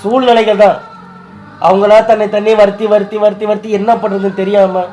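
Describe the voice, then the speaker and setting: Tearful high-voiced man, fast talk. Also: little pitch movement, dark tone, soft background music. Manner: tearful, pleading and consoling. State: crying. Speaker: husband in a staged prank video. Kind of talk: emotional scripted couple conversation.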